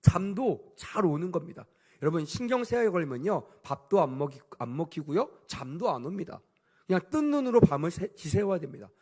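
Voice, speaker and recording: A man preaching a sermon as pastor, telling a story with lively rhetorical questions to the congregation. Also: on the high side, a little fast. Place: church service.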